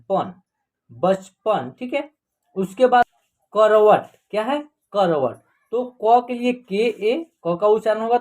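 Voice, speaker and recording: A patient teacher, giving an online spelling lesson and slowly spelling out words letter by letter, with frequent checks that the class is following. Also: mid-range voice, darkish tone. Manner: patient, repetitive, keeps checking "theek hai na".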